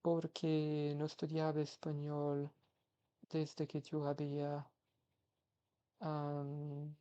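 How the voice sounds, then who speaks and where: In a casual vlog practicing foreign languages, a young Brazilian man, 21, speaks slowly with a completely flat delivery. His voice is a little high, dark, and smooth, with a Brazilian Portuguese accent, and his hesitant talk is full of fillers and restarts over a muffled recording.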